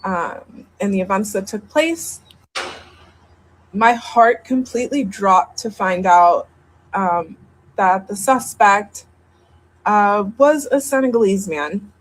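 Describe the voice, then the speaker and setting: A woman's voice: medium pitch, animated, a little hiss or hum. Hesitant young woman telling a personal story. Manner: halting, hesitant, many ums and restarts. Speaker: social media video poster. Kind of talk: personal video confession.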